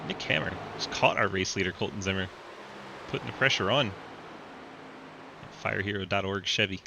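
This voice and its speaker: Guy with a low gravelly voice calling an online race, noisy stream audio. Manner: quick play-by-play, laughs often. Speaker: race commentator. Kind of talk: sim racing play-by-play commentary.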